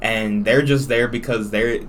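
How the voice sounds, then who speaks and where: A man's voice: medium pitch, steady tone, measured pace, fairly bright tone. A young American man co-hosting a casual podcast, talking like a frat bro with slang and heavy swearing. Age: young adult. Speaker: podcast co-host. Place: small podcast room. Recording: noisy room with background ambience.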